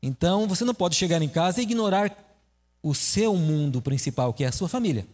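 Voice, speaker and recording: A man's voice: high-pitched, lively intonation, fairly quick, darkish tone. A man preaching a sermon in a church, telling a story and asking his listeners questions. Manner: conversational, asks the audience questions. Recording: echoey hall reverb.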